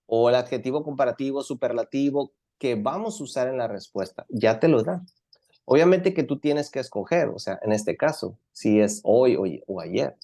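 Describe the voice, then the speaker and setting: A man's voice: medium pitch, dark tone. A man teaching English comparatives in an online class, switching between languages and patiently repeating words for his students.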